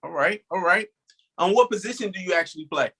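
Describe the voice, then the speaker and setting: A man's voice: high voice, animated, fairly quick, bright, forceful tone, husky, rough recording. A man hosting an interview show, asking questions in an easygoing way and often saying "all right" between them. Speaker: show host.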